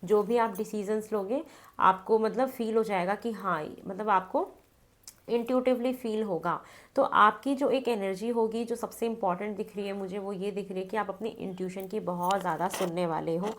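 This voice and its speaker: Speaking at a normal pace with a medium-pitched voice, a North Indian tarot reader gives a relaxed reading to the camera despite a cold and congested nose. Her talk is chatty and repetitive, with chanting in between the cards.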